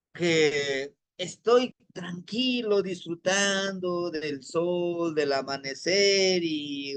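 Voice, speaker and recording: A man, leading a guided spiritual lesson in a gentle, reflective way, often asking rhetorical questions. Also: fairly high pitch. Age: 40s. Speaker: spiritual teacher.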